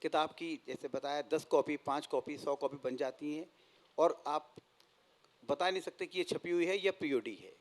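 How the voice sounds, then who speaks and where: A man in his fifties, a publisher, giving a measured, formal talk on a festival panel. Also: a little high, poor audio. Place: stage at a literature festival.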